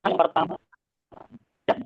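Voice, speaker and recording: A man's voice: unhurried, no room sound. A man making polite, formal announcements over a video call whose crackling sound keeps breaking up, often checking if he can be heard. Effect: choppy, crackling online call audio. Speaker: organizer giving announcements. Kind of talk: online meeting announcements. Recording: dull, lo-fi call audio breaking up.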